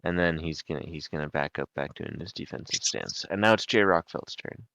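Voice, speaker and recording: Deep-voiced joking game master, man. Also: a little fast, vocal fry, fairly bright tone, no room sound. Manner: hesitant, full of ums, joking sports-style commentary. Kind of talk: narrating a tabletop game.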